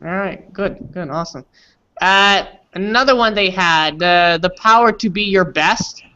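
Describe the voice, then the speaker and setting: A man's voice: high voice, unhurried, sharp tone, smooth. A man leading an online English class, chatting with his students and quizzing them. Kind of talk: casual class discussion. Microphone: video call. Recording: dull lo-fi call audio.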